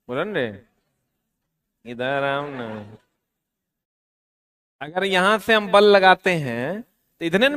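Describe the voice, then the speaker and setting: Male teacher, high-ish voice, slow and chatty, teases students during a classroom science lecture. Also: smooth. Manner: chatty, teasing students, drops to quiet asides.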